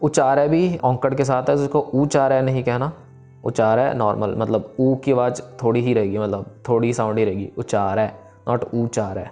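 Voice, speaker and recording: Patient man teaching recitation. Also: medium pitch. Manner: patient, repeats words slowly syllable by syllable. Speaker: teacher of scripture pronunciation. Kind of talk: recitation lesson, explaining and chanting slowly. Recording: soft music bed behind.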